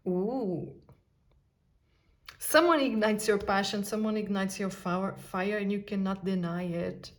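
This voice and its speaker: Woman tarot reader, gentle and reflective, thinks aloud over the cards with pauses. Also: medium pitch. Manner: soft, reflective, musing aloud with sighs and pauses. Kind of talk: intuitive tarot reading to camera.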